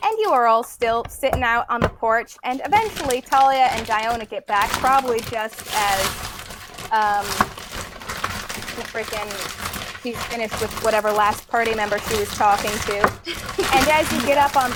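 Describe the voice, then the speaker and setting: A woman's voice: on the high side, moderate pace, heavy background noise. A woman narrating as game master in a chatty way, with frequent fillers.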